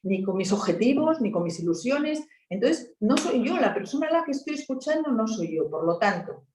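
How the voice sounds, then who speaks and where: A woman's voice: a little high, big pitch swings, normal speed, a little mellow, slight background noise. Woman explaining with many tag questions, echoey. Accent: Spanish from Asturias. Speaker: helpline volunteer speaker. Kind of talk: conversational talk.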